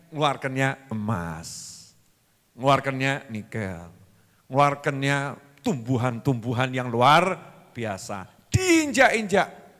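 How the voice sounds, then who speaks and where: A man's voice: mid-range voice, a bit bright. A man with a Javanese accent preaching a sermon, telling stories and acting out both sides of the dialogue in shifting voices. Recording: long hall reverb.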